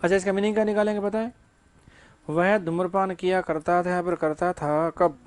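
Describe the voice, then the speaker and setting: A man's voice: sits high, fairly even intonation, normal speed. A male English teacher giving a classroom grammar lecture, asking rhetorical questions and answering them himself, with casual joking asides.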